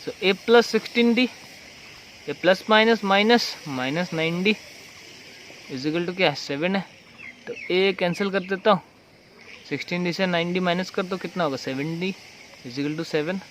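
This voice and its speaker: A man's voice: sits high, takes it slowly, pauses often, a bit bright, slight background noise, rough recording. A man teaching a recorded math lesson, walking through each step and asking and answering his own questions. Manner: explains step by step, repeats questions and answers them himself.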